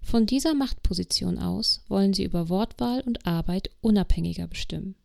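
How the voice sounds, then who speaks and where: A woman reads out accusing, rhetorical commentary in a gravelly voice. The recording is dry and close. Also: mid-range voice, fairly quick, darkish tone, no echo. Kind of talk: read-out commentary.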